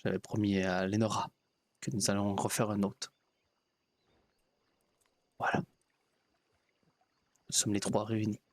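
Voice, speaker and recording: A man playing a naive, kindly progressive frontier preacher in a solemn, gentle tone. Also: fairly low pitch, flat delivery, a little slow, long pauses. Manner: solemn, gentle ceremonial delivery. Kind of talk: in-character role-play.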